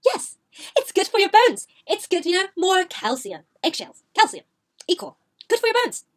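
A woman's voice: very high-pitched, big pitch swings, moderate pace, pitched above the performer's own voice. A woman voicing a fussy, well-meaning middle-aged mother who talks in short, clipped, insistent phrases.

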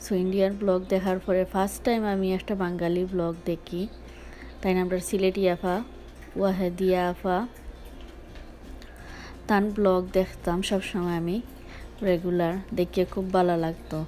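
A woman's voice: fairly low pitch, level tone, normal speed, pauses often, dark tone. Sylheti-accented woman vlogger, frank tone. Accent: Sylheti Bengali. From Sylhet, Bangladesh. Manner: frank, mixing English words into speech. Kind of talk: casual talk to camera.

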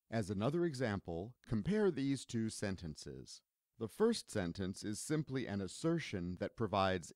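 A man narrating a scripted grammar lesson as the teacher, in a measured, explanatory way. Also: fairly low pitch, darkish tone, no echo, studio quality.

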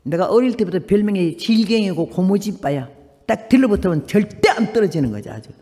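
An older woman missionary giving a church testimony, telling her story with animated acted-out dialogue in a high voice. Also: brisk. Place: church hall. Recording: echoey hall reverb.

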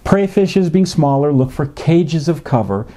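A man in his fifties explains fishing in a measured, educational way, with frequent "uh" fillers. He sits in a home office. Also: on the high side, lively intonation, warm tone. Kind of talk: educational narration. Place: home office with a desktop computer.

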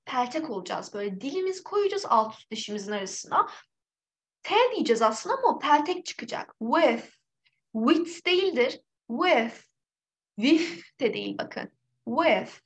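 A woman from Turkey teaching a live online English exam-prep lesson, lively and encouraging, with a slightly hoarse voice. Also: high voice, low-quality recording. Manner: lively, encouraging, reads out student names.

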